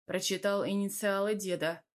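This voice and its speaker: A woman narrating a first-person audiobook in a steady, even manner. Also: medium pitch, moderate pace. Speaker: audiobook reader.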